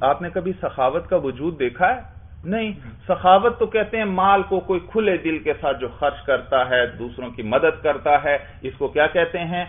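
A man teaching a class, explaining step by step and asking his students questions that he then answers himself. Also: on the high side. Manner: explains with repeated questions and answers, often adds "bhai". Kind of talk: classroom lecture. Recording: tinny phone-like sound.

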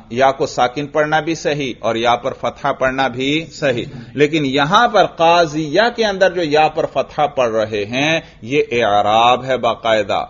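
A man teaching an Arabic grammar lesson, asking his students questions, answering them himself, and drawing out the example words slowly. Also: mid-range voice, a bit bright. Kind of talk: classroom lesson. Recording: dull lo-fi recording.

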